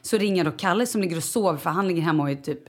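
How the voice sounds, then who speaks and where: A woman, co-hosting a podcast and telling a story in a lively, casual way while acting out the voices of the people in it. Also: lowish voice. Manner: animated storytelling, acts out quoted voices. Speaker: podcast co-host. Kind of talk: casual chat.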